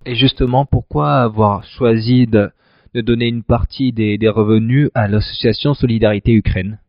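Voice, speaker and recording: A man's voice: mid-range voice, fairly even intonation, moderate pace, no room sound. A man hosting a radio interview segment, asking his guest formal, prepared questions in a polite manner. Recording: dull lo-fi sound.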